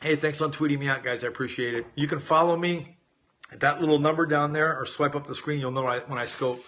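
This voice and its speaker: Speaking quickly in a steady, fairly bright, slightly high voice, this middle-aged man, an American raised in Las Vegas, coaches on weight loss during a live Q&A. He reads out viewers' questions and answers them in a relaxed, conversational way, addressing them directly.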